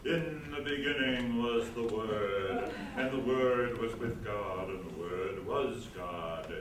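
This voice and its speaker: A man's voice: fairly low pitch, slow pace. Man playing a grandiose theater producer in an echoey hall. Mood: solemn reading. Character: pompous, melodramatic male theater producer, wheedling and volatile. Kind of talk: stage reading of screwball comedy. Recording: distant, echoey stage recording, faint noise.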